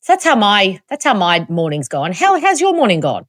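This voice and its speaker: An Australian woman hosting a podcast, telling a story in an animated, self-mocking way. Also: medium pitch, normal speed, no room sound, studio quality. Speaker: podcast host. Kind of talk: casual chat, storytelling.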